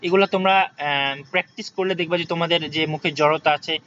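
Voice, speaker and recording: A man's voice: a little high, steady tone, fast talker, pushed and bright. A man teaching English pronunciation in a casual lesson, talking straight to his viewers and repeating example words to drill each sound. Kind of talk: casual spoken lesson, addressing viewers informally. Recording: slightly dull with faint background noise.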